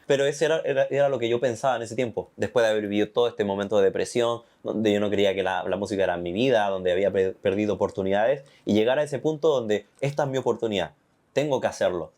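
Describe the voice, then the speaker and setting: A young man with a Chilean accent giving an earnest, animated personal faith testimony. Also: mid-range voice. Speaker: testimony guest.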